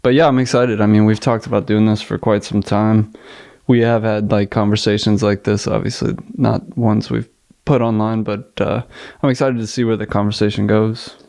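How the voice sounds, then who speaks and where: A man in his thirties, a guest on a casual podcast, speaking in an earnest, steady and upbeat way. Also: fairly low pitch, moderate pace, creaky. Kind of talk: casual chat.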